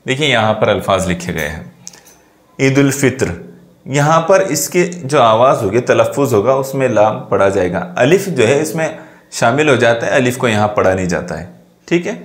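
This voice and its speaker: Male teacher in an echoey room. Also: medium pitch. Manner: asks questions and answers them himself, repeats key points. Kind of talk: classroom grammar lesson.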